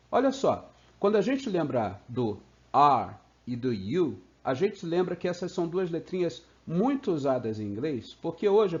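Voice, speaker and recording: A Brazilian man teaching English in a playful video lesson, slowly stretching out example sounds. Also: on the high side. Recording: slightly dull lo-fi sound.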